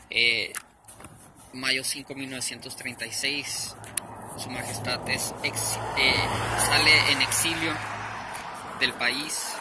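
A man speaking casually into a handheld phone outdoors, announcing a community event in a slow, halting way with many restarts. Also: medium pitch. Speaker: presenter of a community event video. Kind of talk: casual spoken announcement with prayer. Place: outdoors by a street. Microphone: handheld phone camera. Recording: loud outdoor noise with traffic. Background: passing cars and street ambience.

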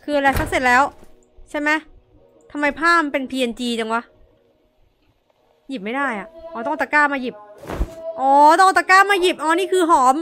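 A woman's voice: high voice, expressive, fairly quick, long pauses, background noise. A young woman streaming a horror game, chatting along and swearing when startled. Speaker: VTuber streamer. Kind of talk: horror game let's play.

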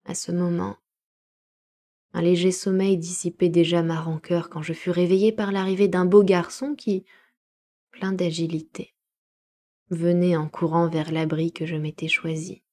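Woman reading an audiobook, dark low voice. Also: level tone, unhurried. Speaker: audiobook reader. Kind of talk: live audiobook narration.

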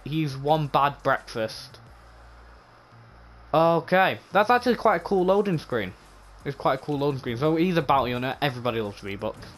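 A man giving casual, rambling commentary on game items, often repeating himself, with a voice going hoarse. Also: a little high, a bit bright, slight background noise. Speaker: gaming channel host.

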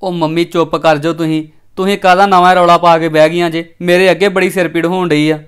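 A man's voice: a little high, level tone, brisk, clear, resonant tone, close to an everyday voice. An actor playing an injured, bedridden young man, weary and placating. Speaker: injured son.

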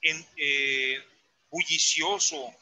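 A man's voice: a little high, fairly even intonation, very slow, sharp tone, rough recording. A man teaching a Mandarin lesson, patiently correcting a student's tones step by step. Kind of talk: online language lesson.

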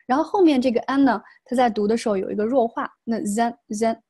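A woman teaching an English pronunciation lesson, reading phrases slowly as models and then explaining them. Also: on the high side, mellow, breathy edge.

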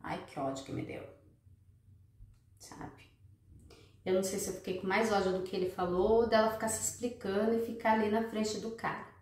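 A woman's voice: mid-range voice, level tone, brisk, recorded from a distance, background noise. Echoey brazilian woman, emphatic advice. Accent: Brazilian Portuguese. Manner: emphatic, scolding, keeps addressing listeners as girls. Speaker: vlogger giving relationship advice. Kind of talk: casual advice monologue to viewers. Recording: very echoey room, away from mic.

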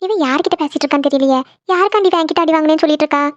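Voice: sits high, racing, dry recording, highs cut off, voice pushed down, close to an everyday voice. A voice actor playing a suspicious mother in a cartoon, grumbling to herself. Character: suspicious scolding middle-aged mother. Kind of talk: cartoon voice acting.

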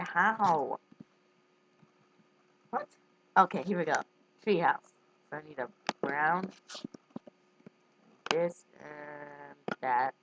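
An excitable, exasperated gamer thinking aloud in short blurted guesses and complaints while playing. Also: medium pitch, dull audio. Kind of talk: gaming commentary, thinking aloud. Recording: noisy home recording with clicks.

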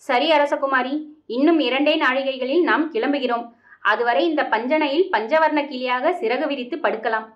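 A woman's voice: high voice, normal speed, highs cut off, lightly acted. A woman voicing a scheming, menacing man in a story reading, talking sternly and threateningly. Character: scheming menacing male kidnapper, grown man.

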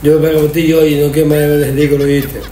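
A man's voice: a little high, level tone, fairly quick, mellow. A man protesting and complaining during a prank. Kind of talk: casual bickering. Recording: echoey room, far from mic, noisy.

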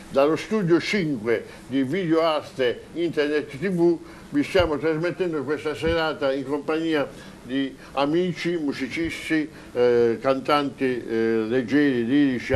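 A man's voice: mid-range voice, slight background noise, poor audio. Chatty man hosting a TV studio evening. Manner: chatty and joking, with fillers. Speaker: TV host. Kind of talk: live studio presenting.

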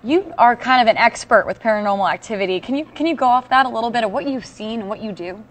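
A woman's voice: fairly high pitch, fast talker. A young woman hosting a television news interview in a chatty, informal way. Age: young adult. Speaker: TV morning show host. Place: TV studio couch.

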